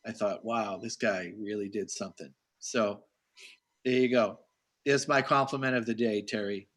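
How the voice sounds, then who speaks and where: This host, at home in Boston, chats with an author on a live video call, rambling and heaping on compliments. He speaks at a moderate pace in a fairly low, slightly bright voice with fairly even intonation.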